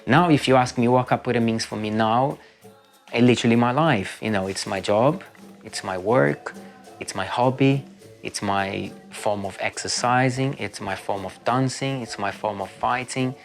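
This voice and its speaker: A man's voice: medium pitch, normal speed, vocal fry, soft background music. A man who does capoeira for a living, speaking in a documentary interview, earnest and enthusiastic. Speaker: capoeira practitioner.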